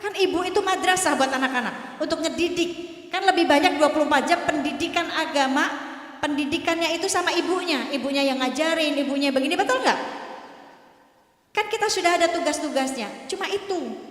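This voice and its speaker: A woman's voice: high voice, brisk, a bit bright. A middle-aged woman preacher giving an emotional sermon, telling a personal story and speaking to the women in the audience. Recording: echoey hall.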